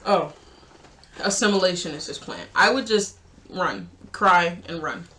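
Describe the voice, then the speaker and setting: A woman's voice: on the low side, a little slow, sharp tone. A woman hosting a casual reaction video, chatting and laughing often while she eats. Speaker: host.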